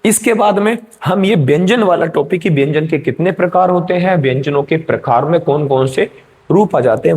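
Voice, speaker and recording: A man's voice: a little high, a little mellow. A male teacher giving an exam-prep grammar lesson, explaining step by step and checking in with his students.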